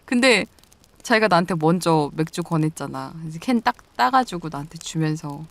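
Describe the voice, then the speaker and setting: A woman's voice: deep voice, expressive, normal speed, gravelly, a bit bright. Giggly teasing woman, whispered role-play. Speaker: ASMR role-play performer.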